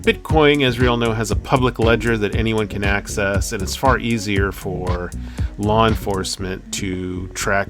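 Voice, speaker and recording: A man hosting an economics channel, explaining in a chatty, energetic way with a few fillers. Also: fairly low pitch. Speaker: channel host. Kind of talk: casual commentary to camera.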